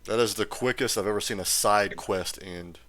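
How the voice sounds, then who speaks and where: A man's voice: lowish voice, normal speed, a crowd in the background. A man playing a tabletop game, easygoing and laughing. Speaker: player.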